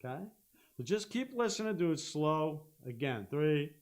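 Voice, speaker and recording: A man teaching a guitar lesson on a live stream, explaining step by step and humming out rhythms, with loud guitar playing behind him. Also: on the high side, very animated, moderate pace. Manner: explains step by step, hums rhythms, checks in with "okay?". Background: guitar playing and looper.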